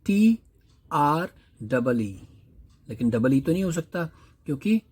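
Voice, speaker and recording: A man teaching a primary-school English lesson. He reads each question slowly, translates it, then asks the listener questions and answers them himself. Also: a little high, big pitch swings, darkish tone, breathy edge.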